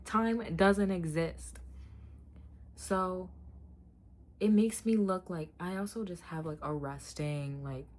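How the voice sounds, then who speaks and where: A young adult woman telling a personal story to viewers as a vlogger, in a casual, chatty, candid way with slangy, emphatic repetition and animated delivery. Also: fairly low pitch, slow, long pauses.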